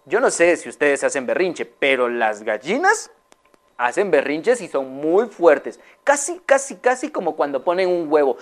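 Animated low-voiced woman storyteller. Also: measured pace. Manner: animated, asks the listeners questions. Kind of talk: children's storytelling.

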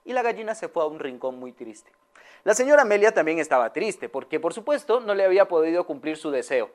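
Lively woman telling a children's story. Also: lowish voice, quick pace. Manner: asks the young listeners questions.

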